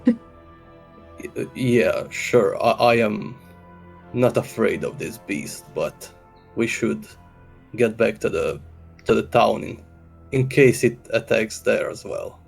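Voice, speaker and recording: Slow, stammering, bewildered man, played by a male gamer. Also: on the low side, gravelly, soft background music. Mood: shaken, halting. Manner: halting, stammering. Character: hesitant, bewildered man feigning bravery before monsters.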